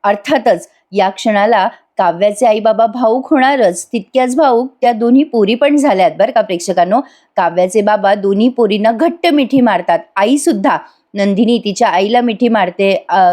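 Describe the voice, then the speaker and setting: A woman's voice: medium pitch, moderate pace, a little mellow. A woman giving a chatty voice-over review of a TV serial episode, talking straight to her viewers. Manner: chatty, addresses viewers, laughs often.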